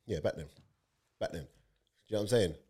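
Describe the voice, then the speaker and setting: Deep-voiced man chatting football. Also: fast talker, warm tone. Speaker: podcast co-host. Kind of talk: casual football chat.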